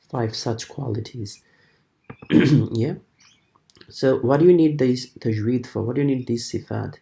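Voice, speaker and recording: A man giving an informal spoken lesson as a Quran recitation teacher, explaining haltingly and often repeating or rephrasing his words. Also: mid-range voice, gravelly, warm tone.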